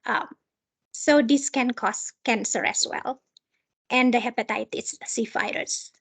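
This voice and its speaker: A woman with an Indonesian accent giving a training lecture over slides, speaking haltingly as she searches for words. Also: a little high, vocal fry, fairly bright tone, breathy edge.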